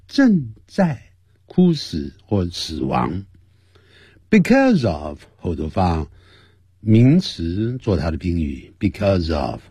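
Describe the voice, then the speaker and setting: A man teaching English on a radio lesson, explaining grammar and repeating pronunciations slowly, word by word. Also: breathy edge, dry recording. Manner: lively, swooping pitch. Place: radio studio.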